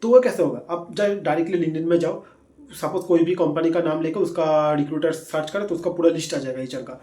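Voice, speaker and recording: A man's voice: a little high, brisk, dark tone. A young man explaining job-hunting steps in a casual, chatty lesson, checking in with listeners as he goes. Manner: chatty, repeats points, frequent fillers and "theek hai" check-ins. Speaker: career advice presenter. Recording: echoey room.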